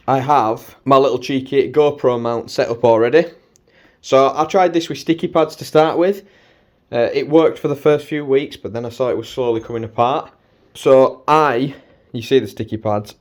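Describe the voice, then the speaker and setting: A man's voice: medium pitch, darkish tone. Cheeky, casual British man vlogging. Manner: cheeky, slangy, informal. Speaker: motovlogger presenting gear. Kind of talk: casual chatty gear walkthrough.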